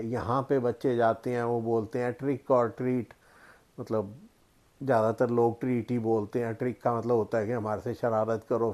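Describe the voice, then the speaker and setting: Slow-talking middle-aged man from Punjab. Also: mid-range voice, darkish tone. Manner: slow, unhurried, storytelling with many pauses. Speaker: vlogger. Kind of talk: casual explanatory chat.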